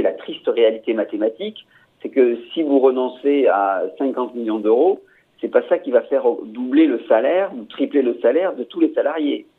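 A man commenting in a radio discussion, his voice husky and slightly breathy. He comes through a narrow, tinny telephone line and talks in a halting way, repeating words and filling pauses. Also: mid-range voice. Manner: hesitant, repeats words, many fillers.

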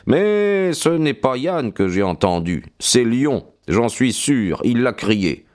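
A man's voice: mid-range voice, sing-song, slow, darkish tone. A man reading an audiobook, voicing a doubtful male police inspector who questions in a probing way.

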